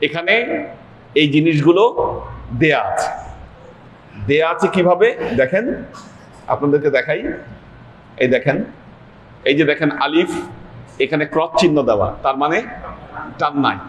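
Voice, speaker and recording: A man's voice: on the high side, lo-fi sound. Patient man teaching pronunciation, echoey room. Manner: patient, repeats letter sounds slowly for students. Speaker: Sufi teacher leading a weekly class. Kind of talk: Quran pronunciation lesson. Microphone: livestream camera mic. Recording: echoey room with faint noise.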